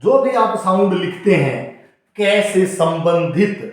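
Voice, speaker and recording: A man teaching a lesson in a high, animated voice, spelling out example words one by one. He talks slowly and patiently. The recording is heavy with room echo. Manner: explains step by step with repeated examples and spelled-out words. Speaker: English teacher. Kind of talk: spoken classroom-style lesson. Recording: very echoey room.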